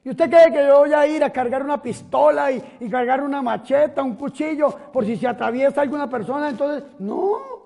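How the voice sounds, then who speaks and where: Fervent high-voiced priest in a reverberant hall. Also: male voice, steady tone, brisk, gravelly, hardly any pauses, darkish tone. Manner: fervent, rising to exclamations. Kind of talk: sermon.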